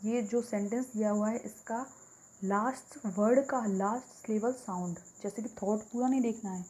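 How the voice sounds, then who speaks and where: A woman teaching an exam-prep lesson, explaining step by step, repeating key words and reading English examples slowly. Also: mid-range voice, darkish tone, rough recording.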